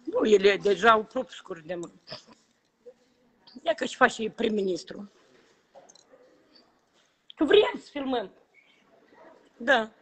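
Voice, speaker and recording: Filming on his phone at a government building entrance, a protesting citizen makes a heated complaint to camera, indignantly repeating himself and exclaiming. His high, husky, slightly bright voice swings widely in pitch, with long pauses, in an echoey hall with faint ambience.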